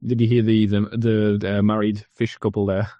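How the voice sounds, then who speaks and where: A man's voice: on the low side, little pitch movement, normal speed, dry recording, highs cut off. A man co-hosting a podcast, joking and asking questions while watching a film. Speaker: podcast co-host. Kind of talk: casual film commentary chat.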